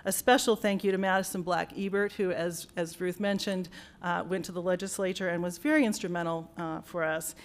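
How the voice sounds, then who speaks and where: At a building dedication held in a university auditorium, an American woman speaks as a college leader in a formal ceremony speech. She has a fairly low, steady voice and a brisk pace; earnest and thankful, she often uses fillers and restarts her sentences.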